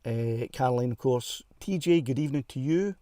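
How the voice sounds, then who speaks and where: A Scottish man chats his way through a live stream from inside a car, talking into a clip-on mic. His voice is warm and mellow, recorded close and dry. He rambles in a friendly, self-mocking way and laughs often. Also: mid-range voice, expressive, normal speed, no room sound. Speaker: livestream host. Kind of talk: casual live-stream chat. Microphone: clip-on wireless mic.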